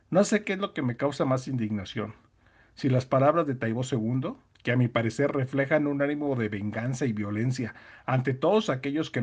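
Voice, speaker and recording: A man's voice: on the high side, husky. A man from Mexico with a Mexican accent, reading out an earnest, indignant message to a show in formal wording. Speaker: listener sending a message. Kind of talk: read-out listener message.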